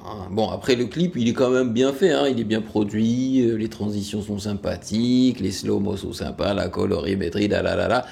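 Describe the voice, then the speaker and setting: A man's voice: medium pitch, vocal fry, a little mellow. A man in his late thirties hosting a music reaction, talking casually and frankly with lots of fillers and restarts. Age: late 30s. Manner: frank, rambling, many fillers.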